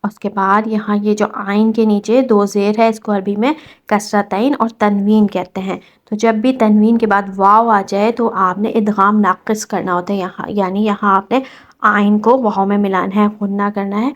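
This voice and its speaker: A woman teaching Quran recitation rules step by step, patiently explaining and reciting verses slowly. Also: medium pitch, little pitch movement, highs cut off. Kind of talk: tajweed lesson explaining rules.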